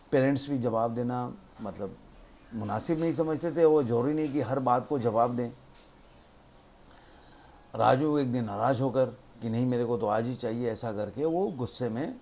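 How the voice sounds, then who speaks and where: Male storyteller, gravelly and dark-toned, unhurried telling over faint background hiss. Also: mid-range voice. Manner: plain conversational telling with pauses. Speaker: storyteller and channel host. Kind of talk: spoken moral storytelling.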